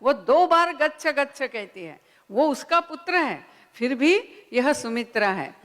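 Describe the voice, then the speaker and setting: Woman lecturer, fairly high voice, retells scripture slowly in a hall with a long reverb. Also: big pitch swings, a bit bright. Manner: unhurried storytelling with quoted dialogue. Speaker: speaker at a Ramayana conference. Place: conference hall.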